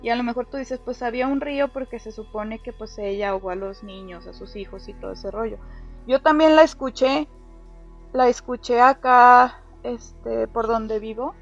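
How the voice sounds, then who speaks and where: Woman, high voice, bit muffled lo-fi audio, chatty slangy spooky story. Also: normal speed, soft background music. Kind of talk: casual chat, telling a ghost story.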